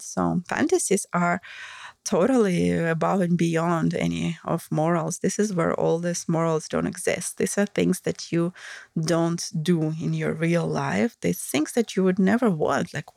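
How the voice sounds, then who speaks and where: Lowish and slightly mellow, with vocal fry and a dry, echo-free sound, this Russian-accented woman delivers a candid solo monologue. She is a podcast host and intimacy educator who speaks plainly and casually.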